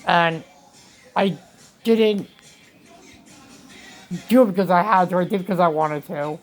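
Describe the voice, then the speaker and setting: A woman's voice: measured pace, soft background music, low-quality recording. A woman vlogging at home, telling a rambling personal story with many restarts and repeated words. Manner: rambling, repeats words, acts out quotes in a higher voice. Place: her home.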